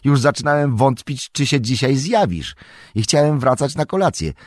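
A man voicing a cheerful, eager young male hobbit who chats brightly in a raised voice. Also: mid-range voice, animated, moderate pace, no room sound, clean studio sound, pitched above the performer's own voice, close to an everyday voice.

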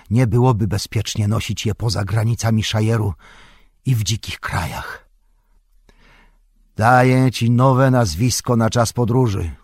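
A man voicing a stern old male wizard, speaking gravely and measured. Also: medium pitch, a little mellow, no echo, clean studio sound, voice pushed up.

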